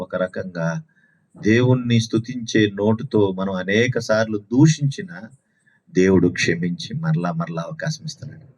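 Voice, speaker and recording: At a Sunday house meeting, a man with a fairly low, slightly mellow voice preaches a sermon, telling stories and asking rhetorical questions with lots of repetition. The recording is dull and lo-fi.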